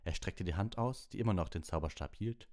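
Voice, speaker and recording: Very deep-voiced male storyteller. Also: brisk. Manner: lively, acting out the dialogue. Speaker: audiobook narrator. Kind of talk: storybook narration.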